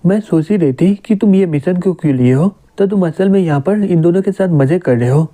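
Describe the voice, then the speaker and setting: A man's voice: sits high, a little fast, mellow, lightly acted. A man reading an accusing jealous young woman.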